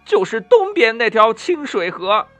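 A man voicing a bold, eager male monkey hero in a children's storybook, speaking in a brisk, earnest way. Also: very high voice, very animated, pushed and bright, soft background music, voice pushed up, exaggerated voice.

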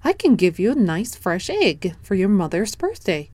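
A friendly farmyard hen offering help in a gentle, lively storybook voice, read by a woman. The sound is mellow and dry. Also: mid-range voice, moderate pace, dry recording.

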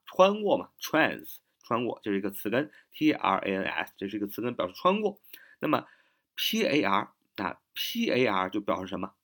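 Animated man teaching vocabulary. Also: on the low side. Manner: spells words letter by letter, slowly and deliberately; repeats example sentences and adds filler "啊". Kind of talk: vocabulary lesson.

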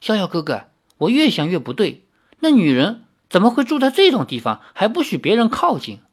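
A man voicing a hot-tempered, sharp-tongued young woman in a read-aloud novel, pitched up high. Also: wildly swooping pitch, a little fast, slightly rough, exaggerated voice. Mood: puzzled.

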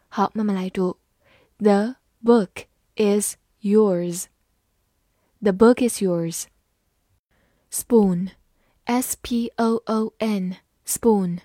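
A woman teaching English vocabulary at an unhurried pace, spelling each word out and slowly repeating the example sentences. Her first language is Mandarin Chinese. The sound is dry, with no room echo. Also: medium pitch, mellow. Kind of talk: slow, clear vocabulary lesson.

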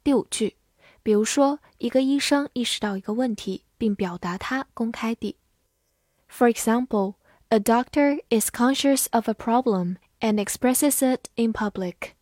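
A woman's voice: on the high side, dry recording, clean studio sound. A woman teaching English vocabulary and translation, reading words, meanings and sentences in a careful, scripted way. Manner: slow, even, careful dictation of words and meanings. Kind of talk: scripted lesson narration.

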